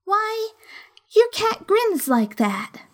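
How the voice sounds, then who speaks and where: A woman's voice: very high voice, very animated, very slow, voice pushed up, exaggerated voice. A woman reading a storybook voices a polite, slightly timid young girl.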